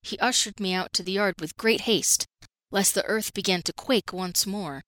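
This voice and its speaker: A woman narrating a first-person fantasy story at a steady, measured pace. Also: medium pitch, no echo.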